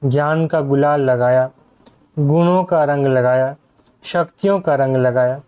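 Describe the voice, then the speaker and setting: Before a gathered audience, a man delivers a spiritual discourse, frequently posing rhetorical questions to his listeners. His medium-pitched voice is unhurried and clean in tone, though the recording is dull and lo-fi.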